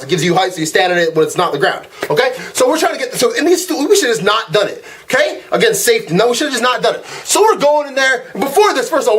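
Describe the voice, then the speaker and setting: A man hosting his own channel, delivering a comedic, profane rant monologue in an animated way. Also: very high-pitched. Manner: fast-talking, animated and profane. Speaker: channel host.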